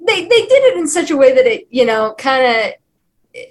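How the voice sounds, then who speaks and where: A young adult woman co-hosting a podcast, chatting casually about films, animated and quick to laugh. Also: high voice. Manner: animated, laughs often, self-described film nerd. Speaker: podcast co-host. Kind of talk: casual film discussion.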